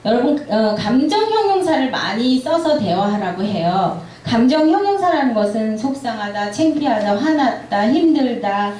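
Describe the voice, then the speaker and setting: A woman's voice: a little high, big pitch swings, normal speed, few pauses, slight background noise. A middle-aged woman giving a church seminar for parents, telling stories and acting out quoted dialogue. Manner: warm storytelling, acts out quoted dialogue. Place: church hall. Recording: echoey hall from far off.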